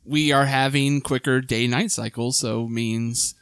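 A man's voice: medium pitch, steady tone, unhurried, a bit bright, smooth, dry recording, clean studio sound. A man co-hosting a podcast in casual chat, explaining things, thinking aloud and correcting himself. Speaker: podcast co-host.

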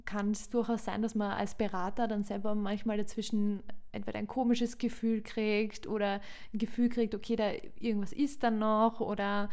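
A woman's voice: mid-range voice, flat delivery, normal speed, darkish tone. A woman, a counselor co-hosting a casual talk, reflective and hesitant with many fillers. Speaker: counselor and co-host. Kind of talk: casual conversational podcast.

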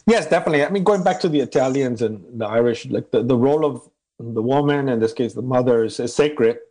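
A man's voice: fairly low pitch, mellow. A man being interviewed, talking thoughtfully with many restarts and repeated words. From Mexican American. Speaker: interview guest, academic. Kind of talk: conversational interview.

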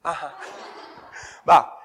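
A man with a Mexican accent, a pastor leading a playful, interactive Bible workshop and chanting lists together with his congregation. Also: drawn-out words. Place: church hall with a live congregation. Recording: reverberant hall, faint crowd.

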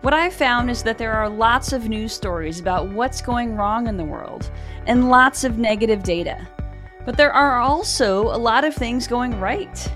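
A woman's voice: on the high side, moderate pace, a bit bright, soft background music. A woman hosting her weekly podcast, reading an upbeat intro and interviewing a guest. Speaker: podcast host.

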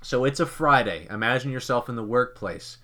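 Speaking a little fast, this man's mid-range voice is bright and forceful. He's a podcast host from Kentucky who co-hosts a casual show, rambling, joking, and steering his cohost with leading questions.

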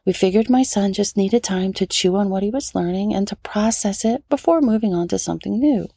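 A middle-aged woman, a homeschooling mother and former teacher, gently and earnestly reading her own memoir aloud. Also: mid-range voice, brisk, gravelly, husky, no echo.

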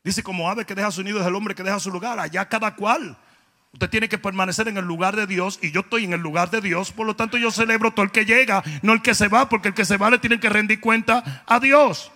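A man with a Dominican accent preaching a humorous sermon, telling stories with comic voices and building to loud, emphatic peaks. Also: high-pitched, fast talker. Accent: Dominican Spanish. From Dominican Republic. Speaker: pastor.

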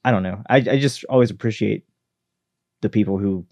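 A man's voice: lowish voice, fairly quick, a little mellow, dry recording, highs cut off. A man in his thirties, a guest musician, chatting in an easygoing way and laughing often. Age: 30s. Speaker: band member guest. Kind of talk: casual chat.

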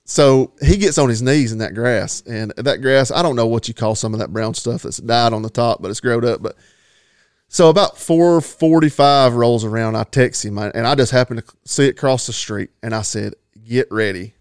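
A man's voice: medium pitch, moderate pace, darkish tone, dry recording, clean studio sound. A man telling a long hunting story in a rambling, folksy way, laughing at himself now and then. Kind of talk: casual storytelling.

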